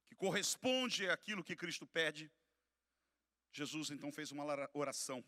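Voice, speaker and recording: A man with a Brazilian Portuguese accent preaching a fiery church sermon as pastor, shouting key lines and then dropping low and quiet. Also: animated, moderate pace, no echo, clean studio sound, in a large hall. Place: church hall.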